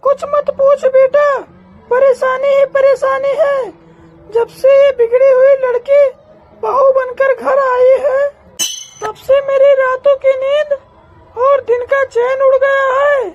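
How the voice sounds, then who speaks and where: Brief: a woman playing a squeaky, very high cartoon mother-in-law who nags, shouts insults and rants in one flat singsong. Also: slow, lo-fi sound, soft background music. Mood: complaining. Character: shrill scolding cartoon vegetable mother-in-law. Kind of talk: cartoon comedy voice acting.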